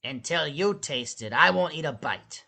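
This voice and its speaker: An actor playing a suspicious, self-pitying old evil scientist in a script read-through, imperious and guilt-tripping. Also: male voice, fairly high pitch, animated, normal speed, gravelly, sharp tone, full character voice. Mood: commanding. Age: older.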